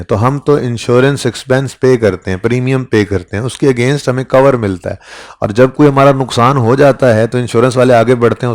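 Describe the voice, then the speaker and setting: A man's voice: medium pitch, darkish tone. A man giving a classroom accounting lecture, talking conversationally and often checking in with his students. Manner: conversational, keeps checking in with "ठीक है?". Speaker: accounting teacher.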